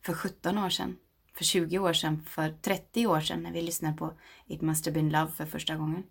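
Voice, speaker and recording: Woman, 30s, gravelly low voice; slow intimate meditative reading with whispered passages. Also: little pitch movement. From Sweden. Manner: slow, reflective and intimate, often dropping to a whisper. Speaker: narrator.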